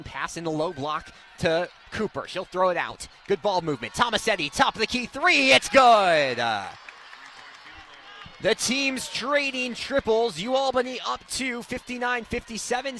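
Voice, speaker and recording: A young man calls live radio basketball play-by-play from a courtside mic, with clear game noise behind him. His fairly high, bright, forceful voice is excitable and swells on big plays.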